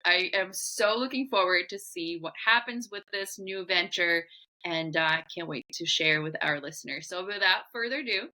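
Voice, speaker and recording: A woman's voice: lowish voice, moderate pace, bright, forceful tone, poor audio. A woman hosting a podcast, introducing her guest enthusiastically, with frequent ums. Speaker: podcast host, entrepreneur. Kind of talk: podcast interview.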